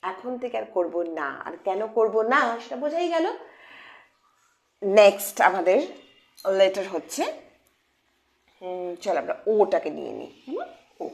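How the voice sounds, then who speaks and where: A woman teaching English phonics to children in a lively, questioning way. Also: mid-range voice, normal speed, creaky, long pauses. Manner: animated, questioning teacher voice addressing kids. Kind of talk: children's lesson.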